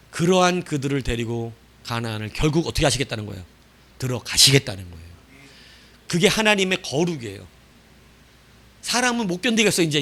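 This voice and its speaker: A man preaching a sermon as pastor. He asks the congregation questions and answers them himself, and his loud bursts fall away into quiet phrase endings. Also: fairly high pitch.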